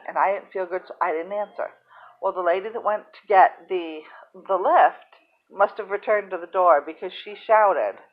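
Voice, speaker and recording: A woman telling a personal story in a halting, soft-spoken, emotional way. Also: mid-range voice. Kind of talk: casual first-person storytelling. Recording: tinny phone-like sound.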